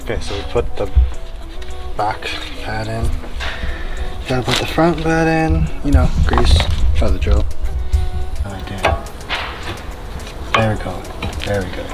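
Young man narrating a car repair slowly. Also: lowish voice, low-quality recording. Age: young adult. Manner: relaxed, step-by-step, talking while doing the job. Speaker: vlogger. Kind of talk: casual how-to narration while working. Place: outdoor driveway by a garage. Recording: loud background music. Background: music.

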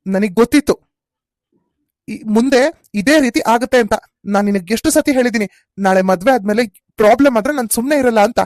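A woman voicing a quick-tempered young husband in a cartoon serial, arguing defensively with his wife. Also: a little high, a little mellow, dry recording, studio quality, close to an everyday voice.

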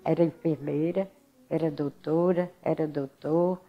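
Gravelly older northeastern Brazilian woman. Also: deep voice, a little slow, lo-fi sound. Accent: Northeastern Brazilian, Alagoas. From Northeast Brazil (Alagoas). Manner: lively storyteller who acts out other people's words. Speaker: interviewee. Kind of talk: casual storytelling interview.

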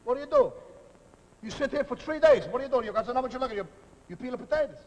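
Extremely high-pitched and expressive, a man rattles off broken English in an Italian accent as a jolly old-world cook performing for a live audience. The comedy sketch comes from a noisy old recording, with laughter from the crowd throughout.

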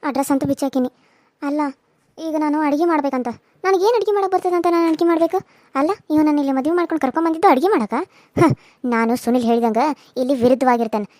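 Cartoon bride voiced by a woman: stubborn, sharp-tongued young wife, very high and rapid, North Karnataka Kannada accent. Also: no room sound, lightly acted. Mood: sulky. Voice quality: sharp, quick retorts. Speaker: voice actor. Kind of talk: cartoon serial voice acting.

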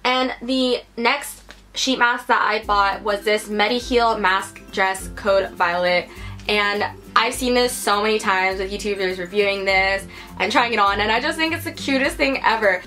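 A woman's voice: mid-range voice, a little slow, bright, forceful tone, soft background music. A young American woman in her twenties, chatting upbeat to camera in a casual beauty haul, full of "like" and "you guys". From United States. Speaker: beauty vlogger. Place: her room indoors.

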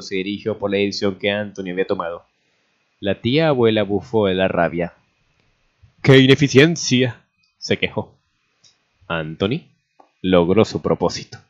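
Low-voiced man reading a story. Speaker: narrator. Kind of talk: reading a fan story aloud. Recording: dull lo-fi recording.

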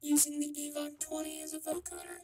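A man's voice: very high-pitched, little pitch movement, a little fast, a little mellow, soft background music, pitched above the performer's own voice. A man's voice run through a vocoder with formant shifting, which gives it a synthetic, robotic sound. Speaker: music production instructor. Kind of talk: demonstration sample, repeated phrase.

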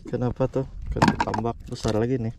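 Speaking quickly at medium pitch, a young man from Malaysia chats casually while filming himself fishing from a kayak on the open sea. Relaxed and talkative, he keeps adding "men" after phrases, and his body-worn action camera picks up clear wind and water sounds.

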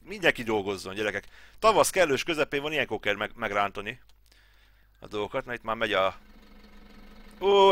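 With a sharp tone at medium pitch, a Hungarian man in his thirties talks casually through a farm game tutorial at home. As a gaming channel host, he thinks aloud, stays chatty and mutters to himself.

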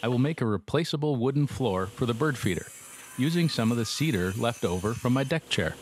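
A man's voice: mid-range voice, lively intonation, a little fast, a little hiss or hum. A middle-aged man giving dry, matter-of-fact scripted narration for a metal workshop how-to, with wry asides. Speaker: metalworking instructor. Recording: voice-over with music bed.

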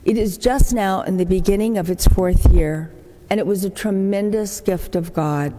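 An older religious sister, speaking at a medium pitch and normal speed, tells stories about her community's work as part of an appeal at Mass. Her warm-hearted anecdotes include acted-out voices of the people she quotes. Background noise is audible, and the large church makes the recording echoey.

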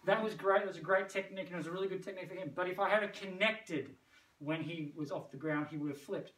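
This high-pitched, fairly bright voice belongs to a middle-aged man who talks quickly while showing martial arts moves, casual and playful, punctuating his instructions with sound words as he moves. He is filmed outdoors on a covered brick veranda by a camera several metres off, giving roomy, noisy audio.

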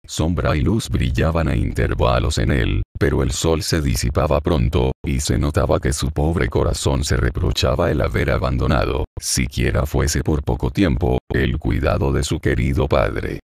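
A man reads a novel aloud as an audiobook narrator, in a measured and even manner. His voice is extremely deep and thick with gravelly fry. The sound is close and dry. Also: no echo. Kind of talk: scripted narration.

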